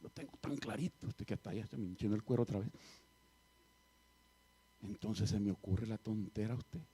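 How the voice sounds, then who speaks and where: A middle-aged man preaching a sermon as pastor, telling a story and swinging from loud passages to hushed ones. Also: fairly low pitch, a little fast, breathy edge.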